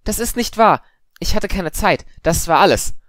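A frightened, indignant schoolgirl, as a man puts her on, her voice pushed well up high and loud, shaky and defensive. Recorded close and dry in an audiobook. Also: fairly quick, dry recording, lightly acted.

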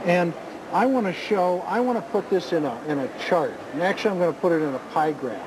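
This infomercial pitchman speaks quickly in a voice that sits high, delivering off-the-cuff sales talk. He pushes hard and repeats himself, and the background ambience is clearly noisy.

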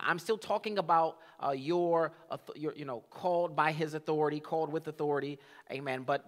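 A man's voice: on the high side, a bit bright. Young male pastor teaching from scripture. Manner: conversational teaching, reads scripture slowly, frequent amens. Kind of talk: teaching sermon. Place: church sanctuary, drum kit behind. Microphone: headset mic.

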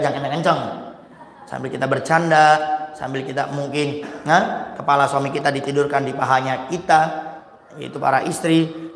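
A male preacher from West Java, giving a lively, jokey sermon and acting out little exchanges. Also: a little high. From West Java, Indonesia. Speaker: preacher leading a religious study circle. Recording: roomy hall with long reverb.

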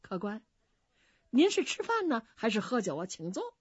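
A woman's voice: a little high, wildly swooping pitch, moderate pace, a little mellow, husky, no room sound, full character voice. A woman doing a polite old innkeeper. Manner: polite, subdued. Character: old male innkeeper, polite but restrained. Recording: dry, slightly dull studio recording.

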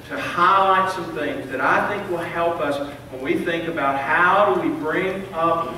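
A middle-aged pastor with a fairly high voice preaches in a large sanctuary, his words ringing through heavy room echo. He sounds set back from the lectern microphone, with faint hiss underneath. He presses his points earnestly, restarting phrases as he builds. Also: bright, forceful tone. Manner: earnest preaching with rising emphasis and repeated restarts. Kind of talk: sermon. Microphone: lectern microphone, filmed by a far camera. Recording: echoey sanctuary, distant mic, faint hiss.

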